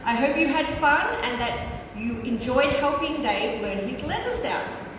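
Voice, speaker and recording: A woman's voice: high-pitched, expressive, measured pace, distant mic. A woman teaching young children like a kids show host, in sing-song, exaggerated teacher talk full of questions and praise. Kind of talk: kids show host, letter-sound lesson. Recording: very echoey room, clear background noise.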